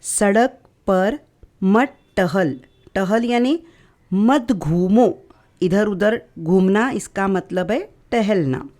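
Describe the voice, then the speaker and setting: A woman teaching young children in a very slow, unhurried voice, sounding out each letter patiently. She mixes English words into her explanations. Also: mid-range voice, lively intonation, a little mellow. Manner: slow, patient, syllable-by-syllable drilling. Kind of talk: children's lesson.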